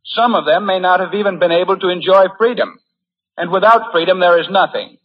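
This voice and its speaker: In a 1940s radio address, an American war correspondent reads an earnest, formal prepared speech. His voice sits high and is slightly rough, moving a little fast, and the recording sounds muffled and lo-fi.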